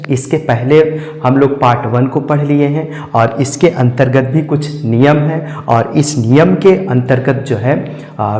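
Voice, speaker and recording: A male English teacher with a Hindi accent gives a classroom lesson, going slowly and repeating each rule and spelling out words letter by letter. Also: fairly high pitch, a little mellow. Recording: echoey classroom with long reverb.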